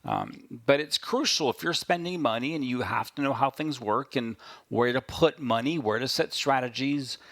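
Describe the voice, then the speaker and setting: A man talking shop as a podcast guest, wry and quick, often checking in with "right?". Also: medium pitch, a bit bright, no room sound, studio quality. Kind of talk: casual conversation.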